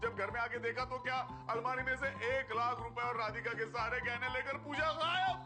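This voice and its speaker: A man's voice: very high-pitched, fairly quick. A man acting in a TV sitcom as a flustered householder complaining about a theft, with music behind. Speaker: householder Aniruddh.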